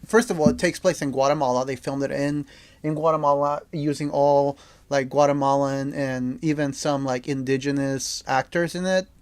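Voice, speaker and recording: A young man from El Salvador talks about movies in a loose, excited way, full of "like" and restarts. His voice sits at an average pitch. The recording is dry, with no room sound. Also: moderate pace, clean tone, no echo. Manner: enthusiastic, rambling with many fillers. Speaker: podcast co-host. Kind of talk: casual film chat.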